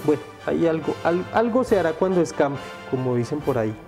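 A spirited young storybook princess played by a narrator. Her voice is pushed high and whiny, and it leaps up and down in indignation over faint music. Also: lively intonation, fairly quick, darkish tone, close to an everyday voice. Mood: fretting.

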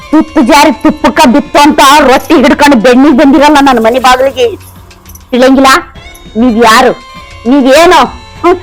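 Lady playing a snooty rich stepmom, north karnataka accent, taunting and high-pitched, faint music behind. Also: lightly acted, low-quality recording. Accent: North Karnataka Kannada. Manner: taunting, sneering, drawn-out scolding. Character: haughty rich stepmother, middle-aged woman, scornful. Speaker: stepmother-in-law in a comedy skit. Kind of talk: village comedy drama acting.

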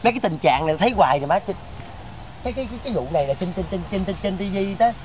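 A woman's voice: fairly low pitch, lively intonation, low-quality recording. A woman playing a nosy neighbor in a comedy skit, firing off prying questions. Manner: prying, exclaiming, rapid questions. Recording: loud crowd behind.

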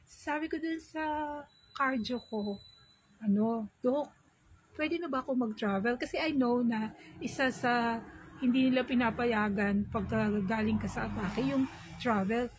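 Slow, husky Filipino woman vlogging. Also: fairly high pitch, steady tone, rough recording. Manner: unhurried, mixing English and Tagalog. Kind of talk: casual vlog talk.

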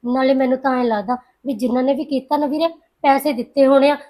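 In a family drama, a woman plays a sensible younger sister who keeps urging patience and care. She speaks softly and coaxingly rather than arguing, in a fairly high voice with a steady tone and quick pace, close to everyday speech.

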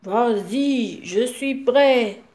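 A woman's voice: on the high side, drawn-out words, a little mellow. A woman voicing a tired, reluctant father playing football with his son, with exaggerated playful cries. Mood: teasing.

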